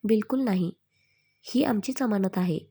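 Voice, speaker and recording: A woman's voice: medium pitch, a little slow, breathy edge. Affectionate older husband, as a woman reads him. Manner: warm, playful.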